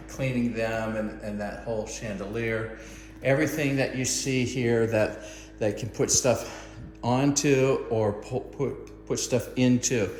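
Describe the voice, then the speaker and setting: A man acting as landlord, narrating a walkthrough video of an empty house in a slow, halting way with plenty of pauses. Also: mid-range voice. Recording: roomy echo with faint noise.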